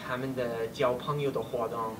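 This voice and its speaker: A man in his twenties, a foreigner speaking non-native Mandarin with a foreign accent in casual conversation, halting and searching for words. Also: medium pitch, fairly even intonation. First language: not Mandarin. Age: 20s. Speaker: learner of Chinese. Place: small indoor room, seated on a sofa. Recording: distant mic, noisy room ambience.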